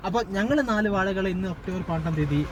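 A high-voiced man with a Kerala Malayalam accent talks over clear outdoor and vehicle noise. His vlog chat is casual, with English words mixed into the Malayalam. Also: quick pace. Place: on the road and outdoors at a park. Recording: noisy outdoor sound with vehicle rumble.

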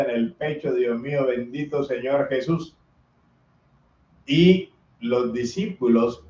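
In an echoey, slightly muffled recording, a man serving as priest reads from the gospel and preaches a homily. His delivery is slow and sincere, and he voices the story's characters with high, loud shouts.

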